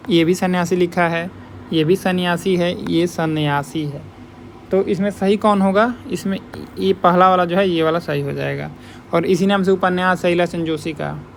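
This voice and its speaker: A man's voice: high voice, slight background noise. A man teaching as a Hindi exam tutor, walking through test questions step by step and repeating the points to remember. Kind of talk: exam question walkthrough lesson.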